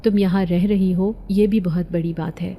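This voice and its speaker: A woman's voice: lowish voice, steady tone, warm tone, faint music behind, close to an everyday voice. A woman voicing a secretive, threatening old woman in an audio story, speaking coldly and insistently.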